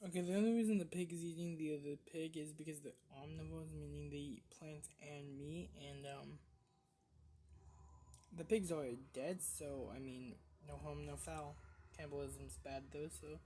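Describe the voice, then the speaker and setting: Low, mellow-voiced sarcastic woman. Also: fairly even intonation, normal speed, a little hiss or hum. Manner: sarcastic, rambling with fillers. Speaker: reaction video host. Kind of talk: casual reaction commentary.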